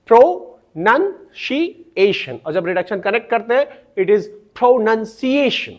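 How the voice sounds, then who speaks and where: A man teaching pronunciation, explaining syllables patiently and spelling out words slowly. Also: high voice. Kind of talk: classroom-style explanation.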